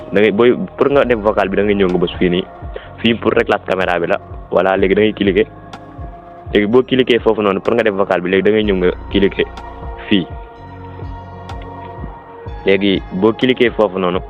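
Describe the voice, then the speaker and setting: Presenting an informal app tutorial, a man with a Senegalese accent walks through each step, repeats his instructions, and slips in French words. His voice is deep, and the recording has its highs cut off.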